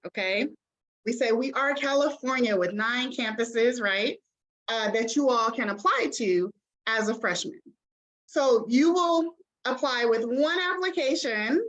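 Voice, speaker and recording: A woman's voice: fairly high pitch, a bit bright, poor audio. A woman admissions representative giving an online information session over a video call, chatty and encouraging, with many ums and okays.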